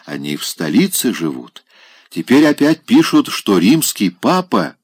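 A self-satisfied landowner lecturing the table after breakfast, as a man acts him out. The voice is deep yet animated in melody. It sounds dry and close to the mic. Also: unhurried, breathy edge, dry recording, exaggerated voice. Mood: holding forth. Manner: holding forth, self-satisfied. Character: talkative, opinionated landowner, well-fed man.

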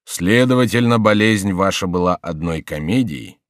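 A man's voice: sits low, animated, normal speed, no room sound, studio quality. A man voicing a frightened male monk who answers evasively and pleads under threat. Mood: pleading.

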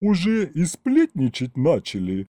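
A man's voice: medium pitch, huge pitch swings, takes it slowly, dark tone, dry recording, full character voice. A man voicing a gloomy female kikimora accountant who speaks with heavy sighs. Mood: glum. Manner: heavy sighing, glum. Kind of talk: audiobook character voice.

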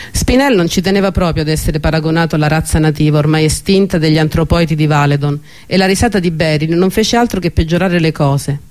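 A man narrating an Italian novel in a steady, expressive reading voice. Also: a little high. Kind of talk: audiobook narration.

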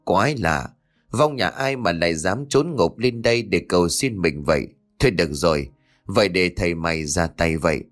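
A man's voice: low voice, expressive, moderate pace, faint music behind. A man voicing a young male exorcist who is grumpy but kind, speaking bluntly. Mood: musing. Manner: grumbling, blunt.

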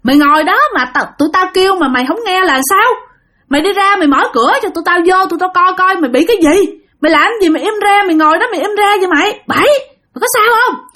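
A woman voicing a worried grown man with a Southern Vietnamese accent, shouting and pleading with a friend behind a door. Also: sits high, lively intonation, a little fast. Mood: shouting, anxious. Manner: loud, pleading, scolding.

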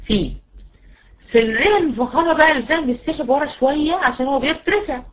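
A woman with an Egyptian Arabic accent teaching a tajweed lesson. She poses questions and answers them herself, and drills sounds slowly and patiently. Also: high voice, expressive, rough recording. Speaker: Quran recitation teacher.

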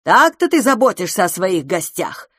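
Lady reading as a brash young guy, loud and bossy, lots of swing in the voice, dry close sound. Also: very animated, moderate pace, no room sound. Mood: indignant. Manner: booming, bossy and mocking. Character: loud brash young man demanding whisky.

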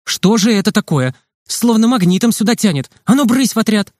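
A male audiobook narrator voicing a stern adult woman who works as a camp nurse, with sharp, raised exclamations. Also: sits high, brisk, no echo, clean studio sound, pitched above the performer's own voice, lightly acted. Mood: scolding. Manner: scolding then amused, sharp exclamations.

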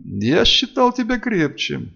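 A man voicing a stern male dark mage lord who speaks in a commanding, cutting way. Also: high voice, sing-song, normal speed, vocal fry, pitched above the performer's own voice, full character voice. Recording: dull lo-fi audio.

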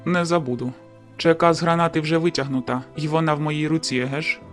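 A woman doing a lower voice for a teasing teenage boy. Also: steady tone, fast, faint music behind, close to an everyday voice. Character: teasing, persistent teenage boy, warm and cheerful.

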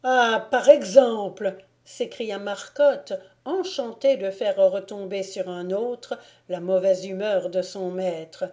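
Brief: female audiobook narrator, calm and measured, slow, warm-toned. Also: medium pitch. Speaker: audiobook reader.

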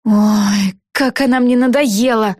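A woman's voice: on the high side, lively intonation, a little fast, mellow, dry recording, clean studio sound, pitched above the performer's own voice, lightly acted. A woman voicing a laid-back young witch girl who talks in an offhand, weary way.

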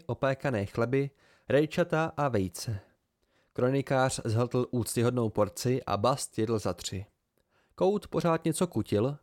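A man calmly narrating an amateur audiobook. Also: mid-range voice, no echo, clean studio sound. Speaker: audiobook reader.

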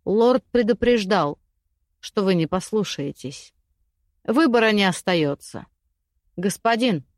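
A woman voicing a cold, curt cloaked man in an audiobook, speaking in short, firm, flat lines. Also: mid-range voice, slow pace, long pauses, no room sound, clean studio sound. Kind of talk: audiobook character voice.

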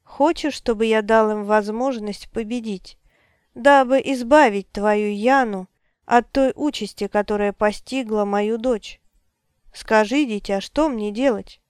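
Hoarse stern wizard father, woman reader, dry close sound, a touch higher than a man's. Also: a little slow, darkish tone, no room sound, close to an everyday voice. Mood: bitter.

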